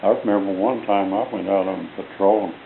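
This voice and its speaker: An old man, a war veteran in his eighties or older, reminiscing in a folksy, halting way with homespun grammar. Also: low-pitched, steady tone, vocal fry, roomy sound. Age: elderly, 80s or older. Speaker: war veteran being interviewed. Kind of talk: reminiscing in casual conversation. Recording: hissy, boxy, phone-like home recording.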